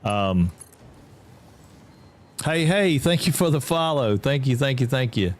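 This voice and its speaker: A man from Georgia with a Southern accent, chatting casually while live-streaming a game and answering chat. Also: takes it slowly. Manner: chatty, drawling, reads chat aloud, jumps high when excited.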